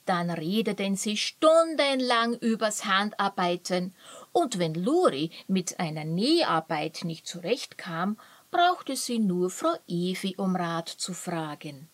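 Slow storybook narrator, woman. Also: mid-range voice, big pitch swings, no echo. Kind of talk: children's audiobook reading.

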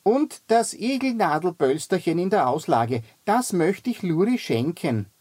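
A woman voicing a small, cheerful male kobold in a children's audiobook, with a bright, eager storybook voice. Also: fairly low pitch, sing-song, a little slow, husky, no echo, exaggerated voice.

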